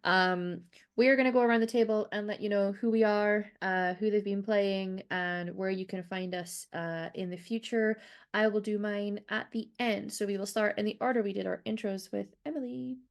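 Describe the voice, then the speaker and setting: A woman narrating as game master of a tabletop game, halting at times, with restarts. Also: mid-range voice, fairly even intonation, gravelly.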